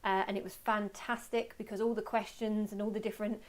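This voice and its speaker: A woman's voice: medium pitch, level tone, a little fast. Woman webinar host, voice slightly giving out. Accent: British. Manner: chatty, informal, self-deprecating. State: voice giving out, slightly hoarse after a workshop. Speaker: webinar host and photography teacher. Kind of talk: casual webinar talk.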